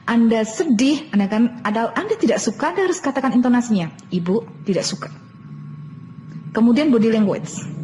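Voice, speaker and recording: A woman's voice: a little high, dark tone. Woman teaching a parenting webinar. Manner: explanatory, repeats key points, mixes in English terms. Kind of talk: online lecture. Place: online webinar. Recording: long reverb, faint background noise.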